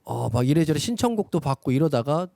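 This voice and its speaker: A male trot singer talking casually on a concert stage with an animated, chatty manner, acting out what others said. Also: on the high side, fairly quick, gravelly, no room sound, clean studio sound. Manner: animated, chatty, quotes people in their voices.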